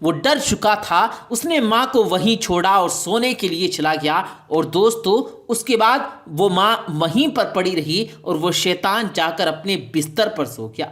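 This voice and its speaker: Brief: woman narrator, scripted moral storytelling, dramatic and preachy, mid pitch. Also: hardly any pauses, fairly bright tone.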